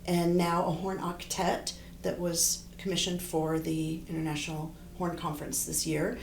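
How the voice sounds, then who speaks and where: A middle-aged woman who plays horn and composes talks through her ideas in a laid-back interview, her gravelly, low voice moving at a moderate pace. Reflective and rambling, she keeps starting over, while the echoey room carries a faint background hum.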